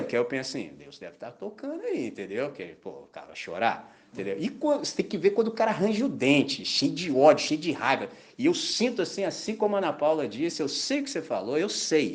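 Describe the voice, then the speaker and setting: A man with a Brazilian Portuguese accent preaching a sermon in a colloquial, animated storytelling way, full of slang. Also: on the high side.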